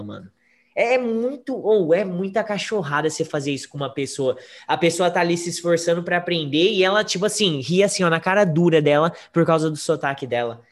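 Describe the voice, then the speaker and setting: A male English teacher talking casually and emphatically in a live online class, with lots of slang fillers. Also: a little high.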